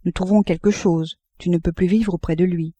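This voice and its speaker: A calm, sensible young man who speaks gently and steadily to soothe his mother, read by a woman. His tone is soft and mellow, recorded close and dry. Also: lowish voice, fairly quick, slightly rough, no room sound. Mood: reassuring.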